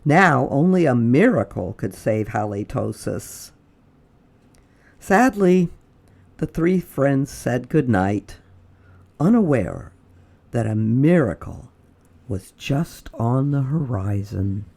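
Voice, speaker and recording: This woman's bass voice is husky and carries vocal fry while she reads a children's picture book at storytime. Her delivery is expressive, marked by dramatic pauses and whispered drops.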